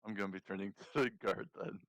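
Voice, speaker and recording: A man's voice: on the low side, steady tone, fast, very noisy. A man playing a tabletop game, chatting casually and playfully. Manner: laughs through his lines, loose and playful. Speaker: player.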